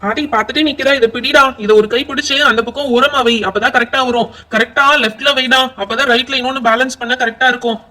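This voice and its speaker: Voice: high-pitched, fairly even intonation, quick pace, hardly any pauses, pushed and bright. A performer voicing a bossy young boy doll who orders his friends around in a doll pretend-play show. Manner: bossy, ordering others about.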